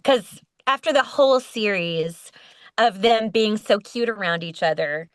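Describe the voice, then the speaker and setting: A woman's voice: medium pitch, measured pace, dry recording. A woman voice actress chatting earnestly as an interview guest, often restarting her sentences. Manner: warm, earnest, many restarts. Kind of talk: casual interview chat.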